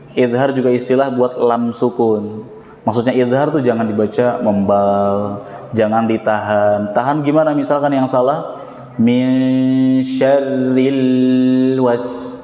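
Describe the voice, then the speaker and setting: A man's voice: mid-range voice, steady tone, moderate pace, mellow, lo-fi sound. A man teaching Quran recitation with an Indonesian Jakarta accent, patiently modeling each sound and having students repeat it. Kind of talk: tajwid lesson with call-and-response drills. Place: prayer hall. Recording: echoey hall, reverb.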